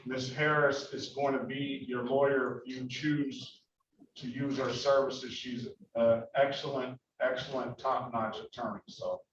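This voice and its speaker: A man presiding as judge over a virtual court hearing, halting and repeating himself as he fires off blunt questions. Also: mid-range voice, flat delivery. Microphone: video call. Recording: echoey, distant, dull, noisy.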